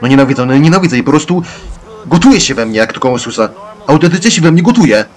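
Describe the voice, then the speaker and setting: A man doing let's-play gameplay commentary, ranting excitably and yelling at the characters. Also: medium pitch, fast.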